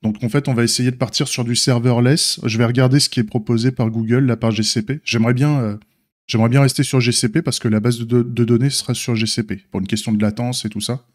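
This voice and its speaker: A man's voice: medium pitch, steady tone, fast talker. A man with a slight lisp and slushy s sounds, giving a casual unscripted stream update in an informal, hesitant, thinking-aloud way. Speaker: streamer and software developer.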